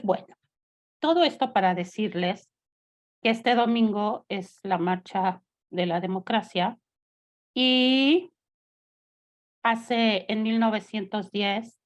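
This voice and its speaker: A Mexican woman hosting a talk show, chatting casually and rambling with many fillers and asides. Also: medium pitch. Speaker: host.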